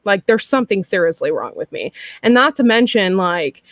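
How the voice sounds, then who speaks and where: A woman in her thirties chats casually as host, frank and loose with plenty of fillers. Her voice sits at an ordinary middle pitch. The sound is dry and close. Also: sing-song, moderate pace, dry recording. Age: 30s. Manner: chatty and frank, with frequent laughs and fillers. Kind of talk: casual chat.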